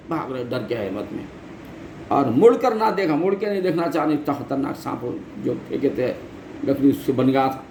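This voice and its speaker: A male teacher reading scripture translation lines and retelling each in plain everyday speech. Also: a little high. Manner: reads a line then retells it in plain speech. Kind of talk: Quran translation and explanation lesson. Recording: echoey room with faint noise.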